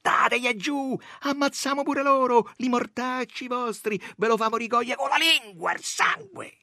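A man's voice: takes it slowly, clear, resonant tone, no echo, clean studio sound, full character voice. A man voicing a crowd of furious women in a storybook reading, shrieking. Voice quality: high, shrill and shouting.

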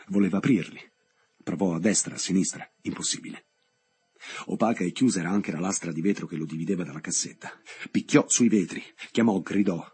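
A man reading a literary novel aloud in a measured, dramatic way, with long pauses between phrases. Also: deep voice, darkish tone, breathy edge. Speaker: audiobook reader. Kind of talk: scripted literary narration.

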